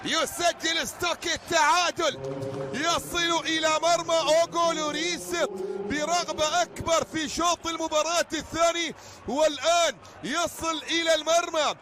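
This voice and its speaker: A man giving excited live commentary on a football match. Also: extremely high pitch, moderate pace. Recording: noisy stadium broadcast with crowd. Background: stadium crowd.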